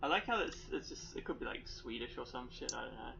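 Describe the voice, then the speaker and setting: A man with a gravelly, creaky voice, chatting casually through a game and swearing freely. His tone is dry and easygoing. The recording is muffled, with a clear steady hiss behind him. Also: medium pitch, quick pace. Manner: laid-back, profane, dry. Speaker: let's play co-host. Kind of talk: casual gaming chat.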